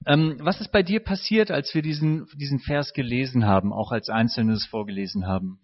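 A man leading a small group discussion, asking questions and praising answers often. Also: medium pitch. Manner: encouraging, quick praise. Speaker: group leader. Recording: dull lo-fi sound.

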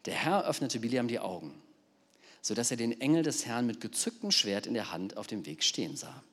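A man preaching a sermon, retelling a story in a lively, animated way. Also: medium pitch, fairly quick. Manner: animated, acts out the characters. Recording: long reverb of a large hall.

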